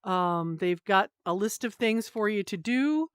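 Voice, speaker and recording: A woman's voice: medium pitch, animated, measured pace, clear, resonant tone, dry recording, studio quality. A woman co-hosting a casual gaming podcast, talking in a chatty, rambling way with lots of fillers. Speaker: co-host.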